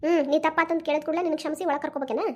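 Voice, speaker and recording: A woman's voice: sits high, fairly even intonation, very fast, close to an everyday voice. A woman voicing a stern, unforgiving old village mother in a cartoon, scolding with a North Karnataka accent. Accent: North Karnataka Kannada. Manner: scolding, lecturing. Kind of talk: cartoon voice acting.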